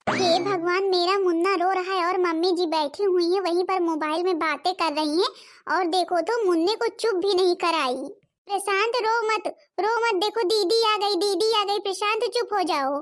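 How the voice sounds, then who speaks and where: A woman's voice: very high voice, fairly even intonation, moderate pace. A woman voicing a caring, worried teenage older sister in a cartoon. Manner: worried, pleading. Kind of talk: cartoon voice acting.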